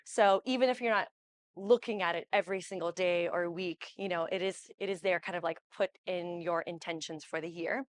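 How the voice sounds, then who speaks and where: A woman's voice: medium pitch, no echo. A woman in her thirties from Hawaii, a Pilates instructor casually welcoming a small group to a workshop, with many fillers. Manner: chatty, loose, with fillers like um and like. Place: wellness studio with a small audience.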